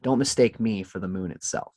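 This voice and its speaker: A man on a podcast, calmly telling a spiritual story in an unhurried, reflective way. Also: fairly low pitch, no room sound. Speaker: podcast guest. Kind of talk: casual storytelling in conversation.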